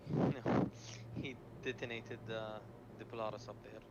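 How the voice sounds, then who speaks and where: Teammate on radio comms: man, flat delivery, muffled and far off. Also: fairly low pitch, measured pace, breathy edge. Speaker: fellow player.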